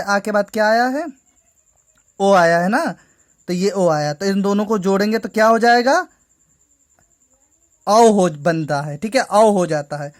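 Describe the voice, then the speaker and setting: A woman teaching a grammar lesson to school students, patiently going through each step and repeating "ठीक है". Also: medium pitch.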